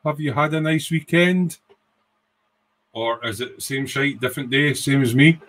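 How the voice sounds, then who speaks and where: Speaking unhurriedly in a medium-pitched, fairly bright voice, a Scottish man in his sixties chats casually on his livestream. He's a hobbyist host, rambling informally from a small workshop room at home.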